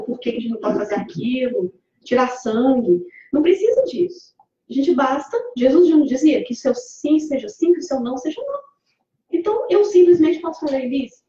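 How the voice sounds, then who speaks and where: High-voiced Brazilian woman preaching in an echoey hall. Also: dark tone. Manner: conversational, asks the audience questions, acts out quoted speech. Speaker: speaker giving a Spiritist talk. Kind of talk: lecture to a congregation. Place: community hall. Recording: far from the mic, echoey hall, dull lo-fi sound.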